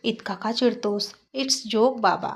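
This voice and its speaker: A woman's voice: a little high, slow pace, creaky. A woman voicing a playful young wife who teases carelessly. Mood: teasing. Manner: teasing, carefree.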